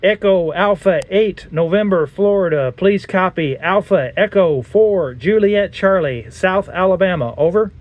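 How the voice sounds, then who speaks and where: An amateur radio operator who also makes videos gives a casual, hands-on demonstration and makes radio calls out in the field. His voice is high, a little slow, with few pauses. The field recording is noisy, with ambient sound resembling a vehicle.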